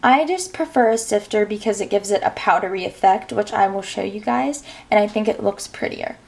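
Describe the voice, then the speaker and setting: A woman's voice: medium pitch, brisk, creaky, darkish tone. A young woman talking viewers through a home baking recipe in a casual, chatty way. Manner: chatty, talks straight to viewers. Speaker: cooking vlogger. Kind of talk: casual cooking tutorial.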